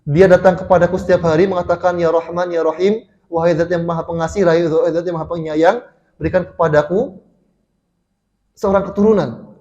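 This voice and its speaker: A man's voice: high-pitched, fairly even intonation, brisk, a little mellow, dull audio. An Indonesian man giving a mosque sermon, telling stories with frequent restarts and fillers to the congregation. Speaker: preacher.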